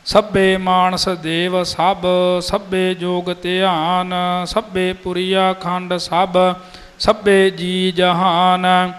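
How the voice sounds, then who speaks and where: A man reciting scripture in a slow, even, sung-through chant. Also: high voice. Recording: long hall reverb, faint music.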